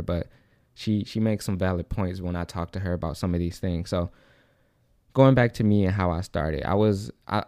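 A young man speaks in a low, mellow voice as he hosts his own podcast. He sounds slightly out of breath and rambles, restarting his sentences as he goes. The recording is dry and close, with almost no room sound. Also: no room sound. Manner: rambling, repeats and restarts, says "like" and "low-key". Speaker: podcast host. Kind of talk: casual solo podcast monologue.

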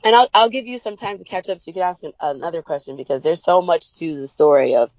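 A young adult woman as an interview guest, telling a personal story with upbeat energy and lively quoted voices. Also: fast talker, no echo, muffled recording. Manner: upbeat storyteller, acts out quotes with big pitch jumps.

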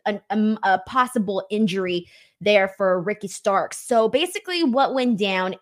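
A woman's voice: mid-range voice, lively intonation, moderate pace. A woman hosting a live wrestling stream in a casual, informal way, peppering her talk with "like" and mild swearing.

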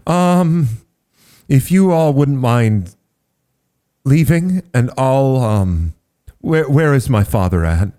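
A man's voice: mid-range voice, lively intonation, takes it slowly, long pauses, mellow. A man running a tabletop game as game master, voicing people and narrating.

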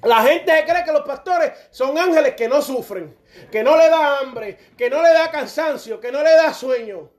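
A man's voice: very high voice, normal speed. Impassioned man preaching a sermon. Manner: impassioned, acts out church members in dialogue.

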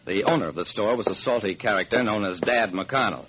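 In an old-time radio drama, an actor plays a hardboiled American private detective narrating his own case in a wry, intent mood. His natural voice is fairly low and fairly quick, heard through a noisy old radio recording.

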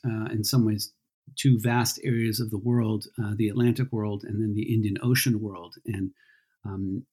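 A man from Peru, a historian, talks through his background as an interview guest. His voice is low and husky, and he pauses often with ums and restarts as he thinks aloud. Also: darkish tone. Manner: thoughtful, many ums and restarts. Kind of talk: casual interview answers.

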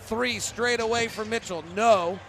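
A man doing live basketball play-by-play, in clipped running descriptions that burst into excited calls. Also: high-pitched, unhurried. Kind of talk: live game commentary. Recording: noisy arena sound. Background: gym noise, bouncing basketball.

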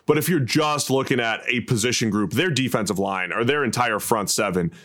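A man's voice: mid-range voice, brisk, a bit bright. An American man hosting a sports podcast, talking through football analysis conversationally.

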